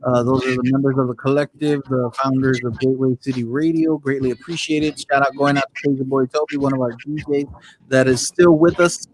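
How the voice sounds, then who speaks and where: A man hosting an online radio show, talking casually in chummy street slang and giving shout-outs. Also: medium pitch, fairly even intonation, a little fast, rough recording. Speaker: show host.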